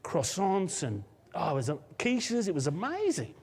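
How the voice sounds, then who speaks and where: Man, Australian accent, pastor, animated sermon story, slightly raised pitch, long church reverb. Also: moderate pace, breathy edge. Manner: animated storyteller, laughs often. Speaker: senior pastor. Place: church auditorium, live service.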